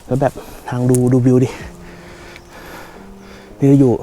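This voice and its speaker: A man's voice: mid-range voice, completely flat delivery, unhurried, warm tone, slight background noise. A middle-aged man vlogging to his viewers while out of breath on a steep mountain trail, swearing casually as he climbs. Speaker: travel vlogger. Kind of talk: casual travel vlog talk to viewers. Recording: background music laid under voice.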